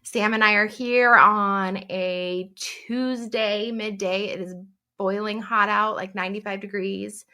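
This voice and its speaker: Bright-voiced woman podcast co-host. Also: medium pitch, takes it slowly, smooth. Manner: animated storyteller, laughs often. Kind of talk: casual chat.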